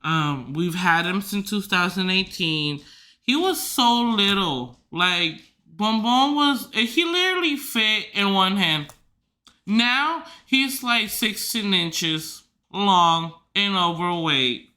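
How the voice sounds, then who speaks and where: Bright-voiced chatty woman podcaster. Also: mid-range voice, lively intonation, takes it slowly. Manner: rambling, filler-heavy, giggly asides. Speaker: podcast host. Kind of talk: casual chat.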